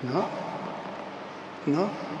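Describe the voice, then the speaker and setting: A man's voice: very slow, highs cut off. A male preacher giving an impassioned sermon, pressing his points with emphatic repetition. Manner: impassioned, emphatic, repeats key phrases. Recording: echoey hall with long reverb, faint noise.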